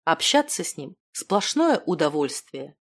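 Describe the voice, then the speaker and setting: A woman's voice: low voice, very animated, a little slow, pitched below the performer's own voice, heavily acted. A woman voicing a self-deprecating thirty-year-old man, a failed artist who talks himself down. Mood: calm. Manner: self-deprecating, fumbling, then heated.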